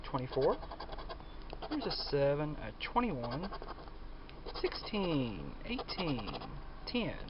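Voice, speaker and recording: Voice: medium pitch, big pitch swings, takes it slowly, long pauses, highs cut off, heavy background noise. A host calling out scratch-ticket numbers like a bingo caller, playfully tossing in nicknames and quacks, in a casual commentary style.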